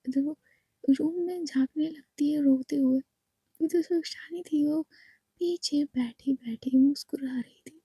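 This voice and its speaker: A woman tells a romance story in a hushed, half-whispered voice. Her tone is very dark and mellow, and she speaks slowly. The recording is close and dry. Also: high voice, no echo. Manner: soft, hushed, unhurried.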